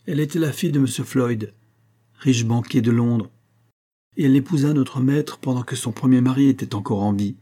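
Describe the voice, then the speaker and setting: A man's voice: medium pitch, brisk, mellow, lightly acted. A man voicing a sly, servile village simpleton who murmurs insinuating questions.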